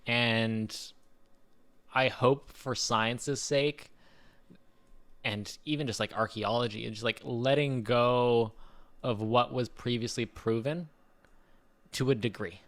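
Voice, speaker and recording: A man's voice: mid-range voice, fairly even intonation, a bit bright. Laid-back man chatting on a podcast. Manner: laughs easily, speeds up and slows down, swears casually. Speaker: podcast co-host. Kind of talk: casual podcast chat.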